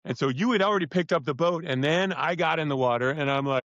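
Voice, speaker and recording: A man hosting a podcast in casual chat, animated and laughing as he tells stories. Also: fairly high pitch, quick pace, no echo. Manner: animated storyteller, acts out quotes, laughs often. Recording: dull lo-fi podcast audio.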